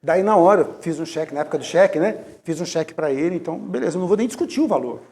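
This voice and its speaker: A man's voice: fairly high pitch, animated, very fast, darkish tone. A man with a Brazilian Portuguese accent giving a conversational lecture at a spiritist center, telling personal stories and speaking straight to the audience. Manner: storytelling, speaks directly to the audience. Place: spiritist center meeting room.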